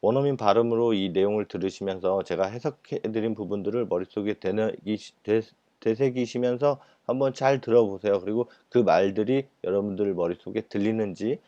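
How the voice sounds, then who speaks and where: Low-voiced man giving a patient lecture. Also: fairly quick, mellow, dry recording, muffled recording. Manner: patient explaining with frequent fillers and repeated words. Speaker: Japanese language instructor. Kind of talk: recorded lecture.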